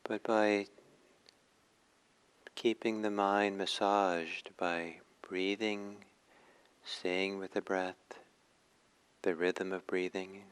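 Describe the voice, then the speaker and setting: A man leading a guided meditation as a teacher, speaking in short phrases with hushed pauses between them. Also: low-pitched, flat delivery, clear, resonant tone, rough recording.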